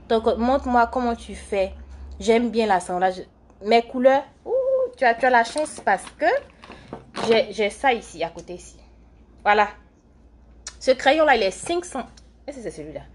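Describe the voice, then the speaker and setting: A young woman from Côte d'Ivoire, a student and live streamer, chats casually on a livestream while doing her makeup, answering comments in a rambling way. Her voice is slightly high with lively intonation, and she speaks a little slowly with long pauses.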